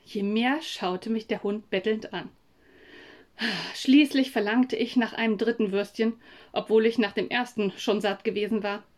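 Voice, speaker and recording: Woman reading a story aloud, fairly high voice. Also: a little mellow. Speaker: narrator.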